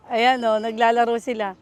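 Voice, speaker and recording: A woman's voice: a little high, little pitch movement, measured pace, smooth. A woman from the Philippines giving an upbeat, chatty vlog tour of an outdoor farm, often laughing, filmed on a handheld phone. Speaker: vlogger.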